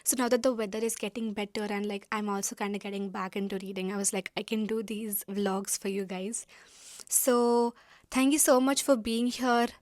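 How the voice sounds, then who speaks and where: A woman's voice: medium pitch, fairly even intonation, moderate pace, darkish tone, no room sound, studio quality. Chatty young woman vlogger from India. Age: young adult. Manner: chatty, lots of fillers. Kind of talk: casual chat to camera. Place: her room.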